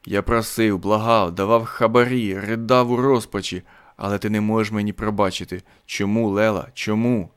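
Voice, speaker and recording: A man voicing a desperate Roman ruler in an audiobook, speaking in a hoarse, pleading voice. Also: lowish voice, steady tone, normal speed, dry recording, clean studio sound, close to an everyday voice.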